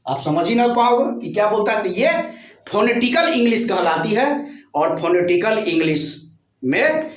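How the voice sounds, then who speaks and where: A male teacher giving a classroom lecture, explaining step by step, repeating key words slowly and checking in with his students. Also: high voice, animated, roomy sound, recorded from a distance, low-quality recording. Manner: addresses students with checking questions.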